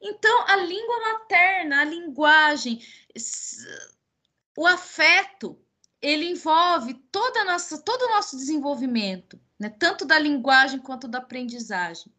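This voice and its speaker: Bright high-voiced Brazilian woman teacher. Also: lively intonation, measured pace. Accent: Brazilian Portuguese with Minas Gerais traits. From Paraná, Brazil. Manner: reflective, speaks in repeated restarts. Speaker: podcast host and teacher. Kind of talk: casual educational podcast chat.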